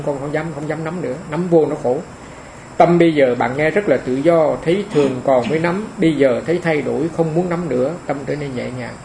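Man, fairly high gravelly voice, homely dharma talk that circles back on its phrases. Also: a little mellow, slight background noise, poor audio. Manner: homely, repeats phrases for emphasis. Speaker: monk giving a dharma talk.

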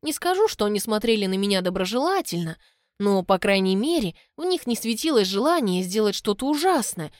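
A woman narrating a first-person novel as an audiobook, expressive and dropping quiet for inner thoughts. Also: medium pitch, no room sound, studio quality.

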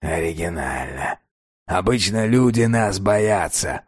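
A man reading an audiobook voices a gruff, grumbling old vampire who talks slowly and curtly. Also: animated, dry recording, clean studio sound, heavily acted. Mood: weary. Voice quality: low, growling. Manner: slow, weary, curt. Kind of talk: audiobook character voice.

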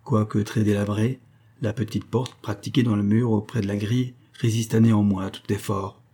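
A man reading a classic novel aloud as an audiobook narrator, in a measured, even-paced manner. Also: fairly low pitch, slightly rough.

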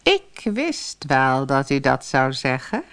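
A woman voicing an ugly, spiteful male dwarf in a storybook reading, speaking slowly and slyly with a menacing edge. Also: rumbling low, wildly swooping pitch, fairly bright tone, voice pushed down, full character voice. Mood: scheming. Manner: slow, sly and menacing.

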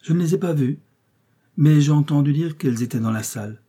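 Un homme qui fait parler une jeune femme réservée et douce mais ferme, dans un livre audio. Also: male voice, on the high side, fairly quick, mellow, husky, pitched above the performer's own voice. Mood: earnest, reserved. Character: reserved young woman, gentle, quietly firm.

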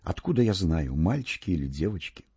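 A man's voice: low voice, fairly quick, slightly rough, highs cut off, exaggerated voice. A man doing a curt, weary shop clerk. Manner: flat, curt, unimpressed. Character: weary, blunt female record-shop clerk. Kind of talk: audiobook reading.

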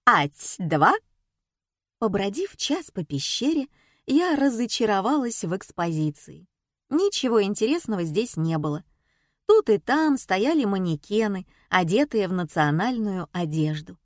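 A woman narrating an audiobook in the first person, with an even, wry telling. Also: medium pitch, moderate pace, no echo, studio quality.

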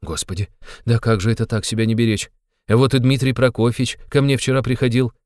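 A man's voice: mid-range voice, fairly even intonation, brisk, darkish tone, close to an everyday voice. A man voicing a sly, fussy middle-aged male investigator who talks in a wheedling, fawning way with sly asides.

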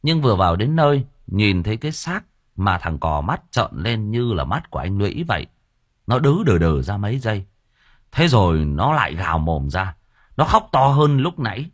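A man narrating a novel as an audiobook, reading in a colloquial, expressive way with coarse asides. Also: lowish voice, normal speed, no room sound, clean studio sound.

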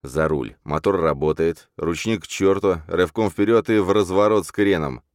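A man reading a first-person crime thriller audiobook, with a low, dry voice that leaps up sharply for shouted threats. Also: normal speed, dry recording. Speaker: audiobook narrator.

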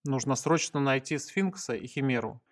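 Terse male hero, plain voice with lively pitch, read by a male narrator. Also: normal speed, lightly acted. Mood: curt. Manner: curt orders. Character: terse man, first-person hero.

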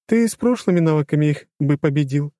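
A man's voice: a little high, expressive, quick pace, mellow, no room sound, pitched above the performer's own voice, lightly acted. Lora, a man voicing a teasing young female spirit. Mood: dismissive. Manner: critical, teasing remarks. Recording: dry close studio sound.

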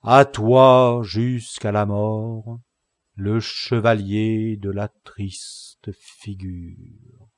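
A man's voice: on the low side, fairly even intonation, very slow, dry recording. A man voicing a lovesick, grandiloquent middle-aged knight in an audiobook, solemn, lofty and formal. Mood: lovelorn solemn. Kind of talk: audiobook character reading.

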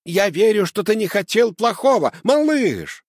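A man voicing a kind, poor old father who speaks softly and soothingly. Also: on the high side, animated, normal speed, breathy edge, no room sound, clean studio sound, pitched above the performer's own voice. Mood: pleading. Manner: soft, soothing, pleading.

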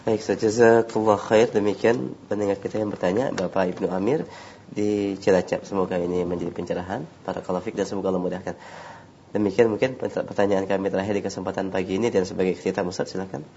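A man's voice: deep voice, little pitch movement, quick pace, creaky, dark tone. A man hosting a religious radio call-in, politely reading out a listener's question with Arabic blessings. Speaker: radio host moderating questions. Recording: dull lo-fi radio audio with faint hiss.

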